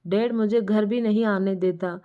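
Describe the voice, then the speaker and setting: A woman voicing a drunk, tearful young woman who talks slowly and sulks like a child. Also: medium pitch, fairly even intonation, clear, resonant tone, lightly acted. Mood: tearful complaining. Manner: slow slurred complaining. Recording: muffled lo-fi recording.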